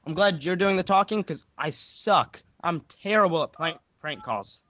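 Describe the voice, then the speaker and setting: A young man with a slightly higher voice talking hesitantly on a podcast, filling gaps with ums and likes. His voice comes through a dull, muffled mic. The sound is dry and close. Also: expressive, normal speed, a bit bright, no echo. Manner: hesitant, filler-heavy. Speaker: podcast co-host. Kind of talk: casual podcast chat.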